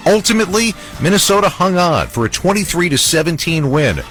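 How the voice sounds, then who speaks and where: A man hosting a sports radio highlight show, narrating recaps emphatically. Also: very animated, fairly quick, fairly bright tone. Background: music bed.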